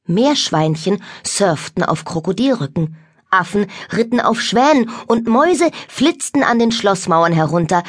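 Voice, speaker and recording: Female narrator for a children's audiobook: expressive and animated, husky, dry studio sound. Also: mid-range voice, no room sound. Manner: lively, expressive storytelling.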